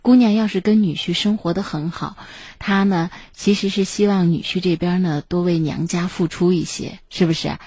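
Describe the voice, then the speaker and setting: Late night radio host woman, husky voice, dry sound, talks callers through stuff step by step. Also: lowish voice, steady tone, moderate pace, darkish tone, no room sound. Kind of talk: phone-in counselling talk.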